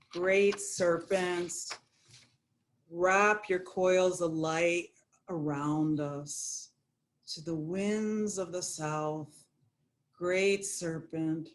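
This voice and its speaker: A woman guiding a yoga nidra meditation, speaking in a slow, soothing, prayerful way. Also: fairly low pitch. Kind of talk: guided meditation.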